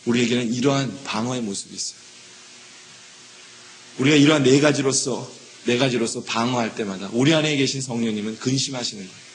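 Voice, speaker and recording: A man's voice: mid-range voice, brisk, a little hiss or hum. A man preaching a sermon as pastor, repeating key words, asking the congregation questions and acting out quoted excuses in shifting voices. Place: church sanctuary.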